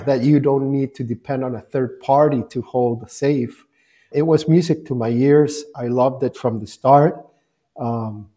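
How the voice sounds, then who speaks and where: A man in his forties from Guatemala, a company founder speaking as a guest on a video call with an earphone mic, telling his story in a relaxed way with plenty of fillers. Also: mid-range voice. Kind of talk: conversational interview answers. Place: bright office room, indoors.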